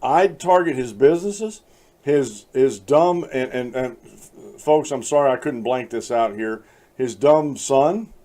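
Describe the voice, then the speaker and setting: A man hosts a casual commentary show in a mellow, relaxed voice. He rambles along with frequent restarts and fillers, chatting directly to his listeners. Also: mid-range voice, slow pace. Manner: chuckles while reading aloud.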